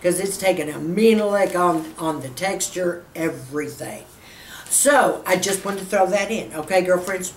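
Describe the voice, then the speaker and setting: Speaking at a measured pace in a voice on the low side, a Texan woman in her fifties runs a casual skincare Q&A for her viewers, whom she calls girlfriend. The mic is distant and off her, and the echoey room has a faint hum.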